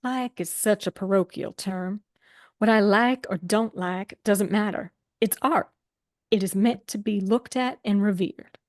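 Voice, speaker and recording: A woman's voice: medium pitch, a little slow, no echo, close to an everyday voice. A woman playing a gloomy, blunt young female writer with a Southern accent, reading an improvised script. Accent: American Southern. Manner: blunt, dry, contrary. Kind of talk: improvised role-play reading.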